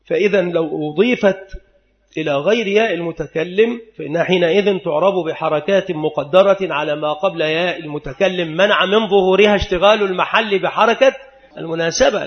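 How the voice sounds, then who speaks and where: A man teaching Arabic grammar in a methodical lecture, repeating each rule and slowly sounding out the examples. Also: sits high. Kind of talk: explanatory lecture. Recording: dull lo-fi recording.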